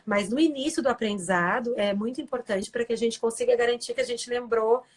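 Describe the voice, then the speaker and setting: A woman's voice: fairly high pitch, brisk. A woman giving an earnest, explanatory talk as a guest on a live stream, acting out quoted lines and often checking in with tag questions.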